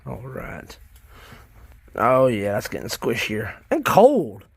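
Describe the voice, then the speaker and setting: A man's voice: mid-range voice, huge pitch swings, takes it slowly, creaky, breathy edge, no echo. A man with a Southern American accent chatting casually to viewers in a vlog about his worm bins, rambling and repeating himself in a folksy way. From Southern United States. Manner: repeats phrases, restarts often. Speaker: worm farmer vlogger.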